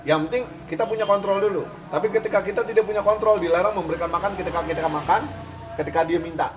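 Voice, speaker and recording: Firm high-voiced man coaching dog owners. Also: steady tone, fast. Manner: firm, explanatory, mixes English commands. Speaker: dog behavior trainer. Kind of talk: casual instructive coaching. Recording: roomy, distant mic, music behind.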